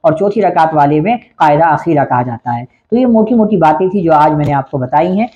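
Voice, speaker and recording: A man giving religious instruction on prayer. He earnestly explains each point and repeats Arabic phrases slowly to show the right pronunciation. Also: on the high side, lively intonation, highs cut off. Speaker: religious teacher.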